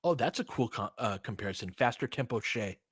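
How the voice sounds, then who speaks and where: Speaking a little fast and animated, this American-accented man from California has a mid-range, slightly bright voice with a breathy edge. He's the host and play-by-play voice of a casual basketball commentary, taking listener questions. His analysis comes out as thinking aloud, sentences breaking off and restarting, in clean studio sound with no room noise.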